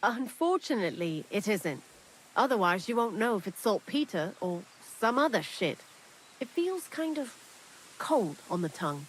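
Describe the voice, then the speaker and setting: A woman's voice: medium pitch, sing-song, normal speed, slight background noise, lightly acted. An actress voicing a sly, chatty medieval woman thief who hides out in a lair, talking bluntly and earthily in game dialogue.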